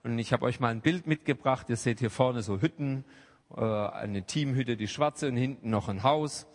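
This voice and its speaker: A man preaching a sermon in a church hall, swinging between hushed asides and loud, emphatic outbursts. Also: medium pitch, moderate pace. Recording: long hall reverb.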